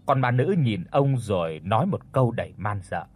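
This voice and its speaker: A man narrating a horror audiobook in a dramatic, expressive storytelling voice. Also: lowish voice, moderate pace, husky.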